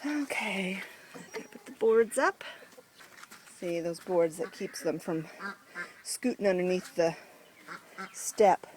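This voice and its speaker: A woman's voice: fairly low pitch, expressive, takes it slowly, pauses often, noisy background. A woman from the United States chatting casually to camera outdoors at her duck pen, cooing in a sing-song voice to her ducks and a little out of breath. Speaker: vlogger. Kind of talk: casual vlog chat.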